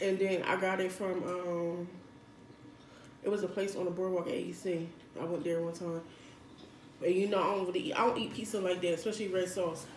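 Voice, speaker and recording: A woman's voice: on the low side, flat delivery, brisk, a little mellow. An American woman chatting casually as a mukbang host, talking between mouthfuls of chips and dip. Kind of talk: casual chat while eating. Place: indoor room at a table. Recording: echoey room with background noise.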